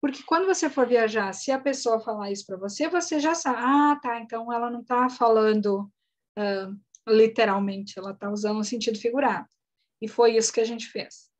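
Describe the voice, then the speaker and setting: A woman with a fairly high voice, teaching English in a recorded lesson recap. She explains things patiently and slowly and spells words out letter by letter.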